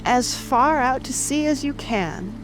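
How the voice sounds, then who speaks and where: A woman playing a melancholy, sentimental sea turtle creature in a dramatic audiobook, with a slow, mournful delivery. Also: high voice, animated. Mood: excited. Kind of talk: full-cast dramatic audiobook reading. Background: soft rain ambience and music.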